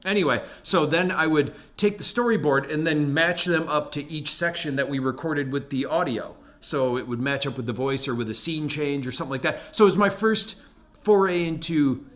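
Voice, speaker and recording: An animator hosts a casual look back at his work, rambling in a self-amused way. His voice sits fairly high, a bit bright, at a normal speed.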